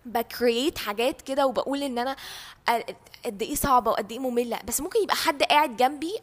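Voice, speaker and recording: A woman's voice: fairly high pitch, rapid-fire. A young woman with an Egyptian Arabic accent, telling things casually and mixing in English words. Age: young adult.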